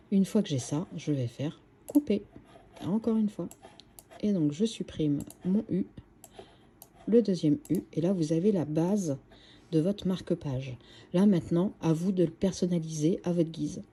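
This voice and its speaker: A woman's voice: on the low side, unhurried, long pauses, dark tone, slightly rough. A woman hosting a screen-recorded craft tutorial, chatty and hesitant, with many fillers and restarts.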